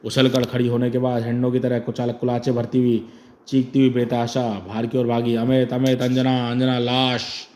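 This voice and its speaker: Man narrating a horror comic in a flat voice. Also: mid-range voice, a little fast.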